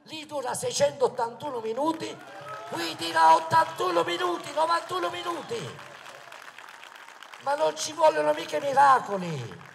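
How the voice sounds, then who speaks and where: A political candidate giving a booming, emphatic campaign speech full of rhetorical questions from an outdoor stage. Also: creaky. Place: outdoor stage in a town square. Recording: echoey public square with long reverb.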